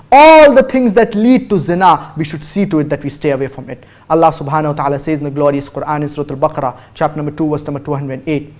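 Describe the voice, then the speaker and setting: A man giving a religious lecture and answering questions. He cites chapter and verse, recites Arabic quickly, then translates slowly with emphasis. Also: a little high, darkish tone. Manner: formal, measured, cites chapter and verse numbers. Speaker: Islamic preacher answering viewer questions.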